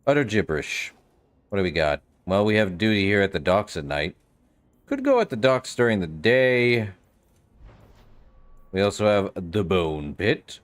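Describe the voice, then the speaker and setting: A man doing casual let's-play commentary, offhandedly reacting and muttering to himself as he plays. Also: deep voice. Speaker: game streamer.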